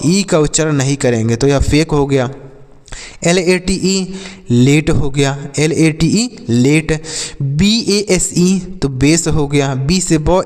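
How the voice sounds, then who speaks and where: A man with a fairly high voice teaches pronunciation in a classroom style. He spells words out letter by letter, poses a question and answers it himself, and speaks to viewers as dear children. His voice carries a long, hall-like reverb. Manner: slow, spelled-out explanations with call-and-response questions to himself. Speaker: English teacher.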